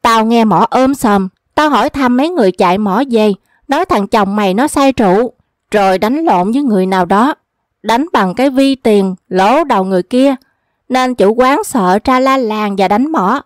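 A sly old village trickster, a man fond of spinning tall tales, teasing and a little mocking, as a woman reading a folk tale puts him on. The voice sits fairly high. The recording is dry and close. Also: moderate pace, no room sound, close to an everyday voice.

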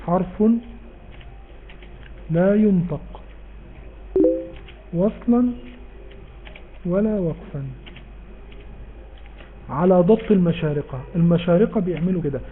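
Egyptian man teaching quick high voice, phone line. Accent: Egyptian Arabic. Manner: explains patiently, asks and answers his own questions. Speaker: Quran recitation teacher. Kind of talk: live online class with students. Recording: tinny phone-like line with faint background noise.

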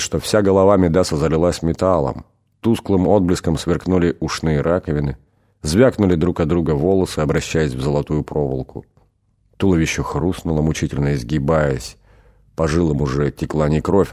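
Deep, dark-voiced male narrator. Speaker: audiobook narrator. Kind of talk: scripted narration.

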